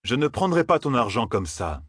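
A man doing a haughty young noble swordsman who speaks grudgingly, in a raised, husky voice. The close, dry storybook reading keeps every sneer clear. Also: mid-range voice, sing-song, moderate pace, a bit bright, dry recording, voice pushed up.

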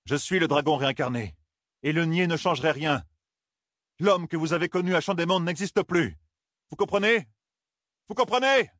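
A man's voice: fairly high pitch, moderate pace, fairly bright tone, dry recording, studio quality, voice pushed up. A man voicing a stern, burdened young man in an audiobook, speaking in a commanding, clipped way. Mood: shouting. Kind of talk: audiobook character voice.

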